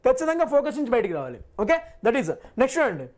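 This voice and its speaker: A man's voice: very high voice, huge pitch swings, racing, slight background noise. A male physics teacher in a live online class who reassures his students, repeats every point and asks and answers his own questions.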